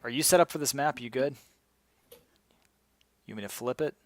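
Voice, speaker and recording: A man's voice: mid-range voice, fairly quick. A man hosting a live stream in an upbeat, chipper manner, like a game show host. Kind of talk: casual live-stream chat.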